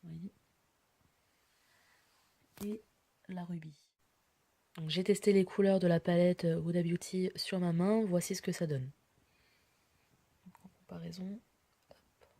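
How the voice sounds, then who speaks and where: Low-voiced mellow woman vlogger. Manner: chatty, lists prices and products, frequent fillers. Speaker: beauty vlogger. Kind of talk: casual product haul walkthrough.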